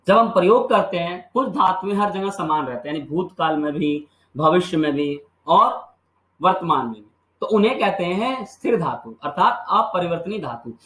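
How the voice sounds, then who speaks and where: A man's voice: sits high, a bit bright, reverberant, poor audio. A man teaching Sanskrit grammar in a video lesson. He asks questions and answers them himself, and drills the endings by repeating them. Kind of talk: classroom-style video lesson.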